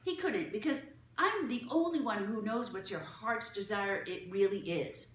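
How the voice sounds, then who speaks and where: A woman's voice: mid-range voice, moderate pace, echoey room, slight background noise, close to an everyday voice. Catherine, a woman doing a soothing young girl. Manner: soothing, matter-of-fact.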